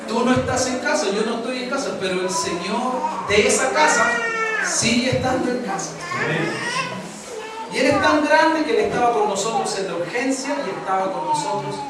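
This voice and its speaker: A middle-aged male pastor with a Chilean accent delivers a sermon in a very high voice at a moderate pace, full of animated rhetorical questions. He's picked up from far off in a very echoey church hall with clear background noise.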